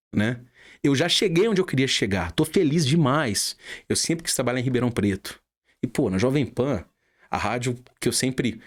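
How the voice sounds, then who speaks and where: A middle-aged Brazilian man, a radio announcer, telling his story in a casual interview with an emphatic, heartfelt manner and a Brazilian Portuguese accent. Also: mid-range voice.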